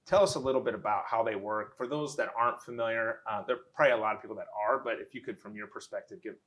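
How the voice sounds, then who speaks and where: A man's voice: on the low side, rapid-fire, a bit bright. A man hosting a casual interview, agreeable and easygoing, affirming his guest as he talks. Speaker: host.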